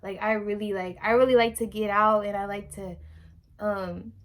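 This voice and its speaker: A woman's voice: mid-range voice, steady tone, moderate pace, fairly bright tone. A young woman and new mother chatting to camera in a loose, rambling way, full of fillers and restarts. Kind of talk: casual chat to camera.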